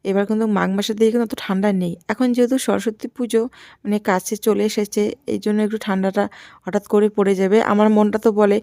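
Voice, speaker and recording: A woman's voice: medium pitch, gravelly, warm tone, dry recording, studio quality. A young woman with a Bengali accent, narrating a casual village vlog while she does housework. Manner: chatty, talks to viewers while doing housework. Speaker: village vlogger.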